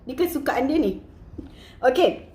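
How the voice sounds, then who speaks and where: A woman's voice: sits high, animated, measured pace, warm tone, echoey room. A Malaysian woman giving casual, playful marketing tips to her sales team, mixing in English words and laughing often. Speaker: online seller coaching her team.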